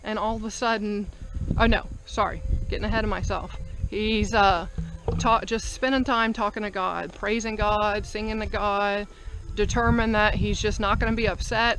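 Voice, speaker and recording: A woman's voice: medium pitch, moderate pace. A mother and homesteader telling a long story to camera outdoors, rambling and correcting herself as she goes. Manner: rambling, animated, self-correcting. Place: outdoors on a rural farm. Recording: noisy outdoor farm recording.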